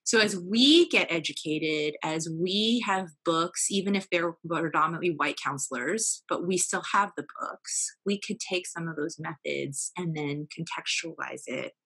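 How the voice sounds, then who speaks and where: A woman's voice: deep voice, measured pace, hardly any pauses, fairly bright tone, breathy edge. A young woman as a podcast guest, earnestly telling a personal family story with fillers and restarts.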